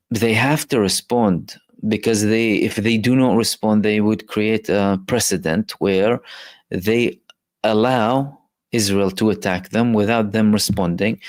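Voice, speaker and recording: A man's voice: fairly low pitch, no echo, clean studio sound. A man hosting a live stream, commenting emphatically and reading viewer messages with frequent fillers.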